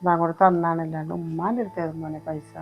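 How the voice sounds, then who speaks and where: A woman's voice: low voice, steady tone, fast talker, lightly acted. A woman with a Malappuram Malayalam accent playing a worried mother who pleads with and scolds her grown son in an amateur family short film. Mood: scolding. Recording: slightly dull lo-fi recording. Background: faint music.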